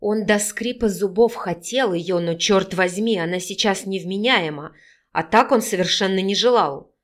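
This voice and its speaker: A woman narrates a romance audiobook in an expressive, steady reading voice. Her pitch sits in a middle range for a woman. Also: moderate pace. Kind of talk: scripted narration of a romance novel.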